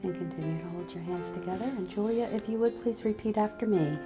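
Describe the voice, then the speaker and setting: A woman's voice: mid-range voice, fast talker. A woman wedding officiant giving a scripted ceremony address. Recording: echoey hall, music behind.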